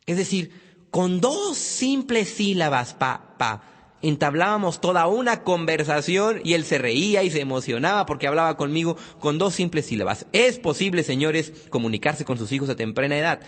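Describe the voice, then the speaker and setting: A man's voice: a little high, expressive, moderate pace. An emphatic man lectures parents in a slightly raised voice. He speaks straight to the audience and drives his points home. His voice carries a long reverberant hall echo. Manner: emphatic, addresses parents directly, imitates baby sounds. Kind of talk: motivational talk to an audience.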